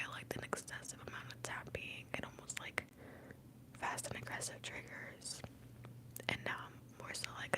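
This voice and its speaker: A young woman who is a native Spanish speaker, born in Mexico and brought to the US as a young child, whispers softly and unhurriedly on an ASMR live stream. She rambles casually and answers chat in a breathy whisper close to a highly sensitive mic, and the recording quality is low.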